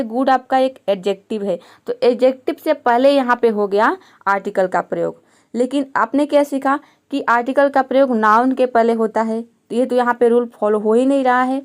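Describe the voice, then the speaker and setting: A woman teaching English grammar step by step, patiently asking questions and answering them herself. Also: high-pitched.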